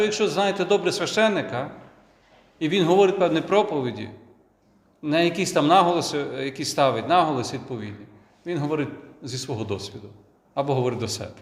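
A man, a priest, giving a conversational sermon full of rhetorical questions. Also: on the high side. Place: church. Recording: echoey church with long reverb.

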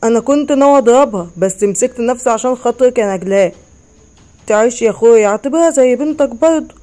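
A sly, threatening Egyptian stepfather, put on by a woman narrator. He speaks in a high, mellow voice with a menacing edge, a villain in a spoken horror story. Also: fast, close to an everyday voice. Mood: smug. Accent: Egyptian Arabic. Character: menacing predatory middle-aged stepfather.

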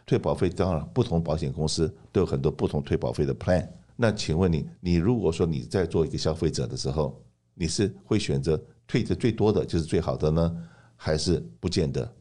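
Man, radio host, extremely low pitch, dark mellow tone, emphatic explanatory talk, rhetorical questions. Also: a little fast. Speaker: radio host and insurance agent.

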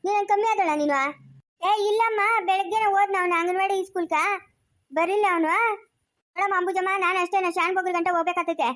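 A woman with a rural Chikkaballapur Kannada accent acting a sharp-tongued old village grandmother in a comic family skit, quarrelling and scolding in a fast, quarrelsome manner. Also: very high-pitched, fairly even intonation. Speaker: skit actor.

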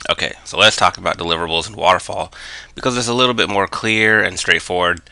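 Deep monotone guy narrating a drawn explainer, lots of ums, dry close sound. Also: fast talker, creaky, smooth, dry recording. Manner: steady, with frequent "um" fillers. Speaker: business analysis educator.

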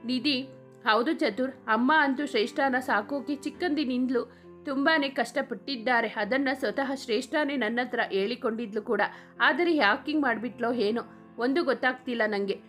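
A woman's voice: sits high, a little fast, fairly bright tone, faint music behind. Shy sweet young woman, read by a woman. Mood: playful.

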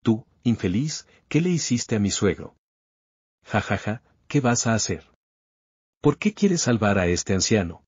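A man's voice: on the low side, sing-song, unhurried, a little mellow, husky, no room sound, muffled recording, exaggerated voice. A man voicing a sneering arrogant thug. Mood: taunting. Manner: taunting, sneering. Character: arrogant male thug, mocking bully.

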